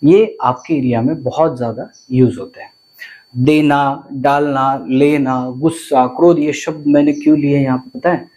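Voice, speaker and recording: A man's voice: medium pitch, fairly even intonation, measured pace, darkish tone. A man, teaching vocabulary to viewers and often repeating words and asking questions. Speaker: language teacher.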